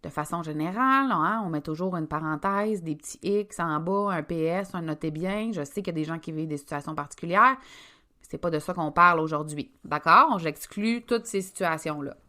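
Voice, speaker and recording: Québécois woman, podcast host and coach, bright and chatty, emphatic, close mic. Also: on the low side, normal speed. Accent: Québécois French. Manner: chatty, emphatic, addresses listeners directly. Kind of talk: casual podcast monologue.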